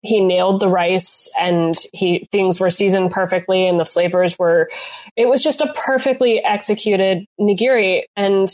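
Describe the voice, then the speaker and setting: A woman chef talks casually about dishes she tasted, her voice sitting at an ordinary middle pitch. She hesitates often, filling gaps with ums and restarting her sentences mid-thought. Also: steady tone, moderate pace, darkish tone. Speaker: chef guest recapping a cooking competition. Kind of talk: casual podcast chat.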